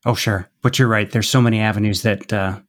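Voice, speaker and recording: A man hosting an interview, reading a formal introduction and asking questions in a measured way. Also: lowish voice, steady tone. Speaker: podcast host.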